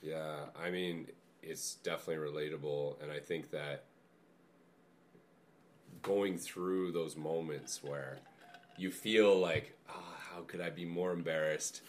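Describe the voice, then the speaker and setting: A calm man hosts a relaxed podcast chat, backing up his guest and asking open questions. His voice is extremely low and deep. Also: slow pace, slight background noise. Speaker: podcast host. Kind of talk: casual interview chat.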